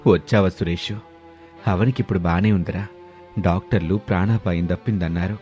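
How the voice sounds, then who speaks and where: A man voicing a gentle older father-in-law who speaks low and soothingly in a storybook tale. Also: steady tone, a little fast, soft background music, natural voice. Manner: low, soft-spoken and soothing.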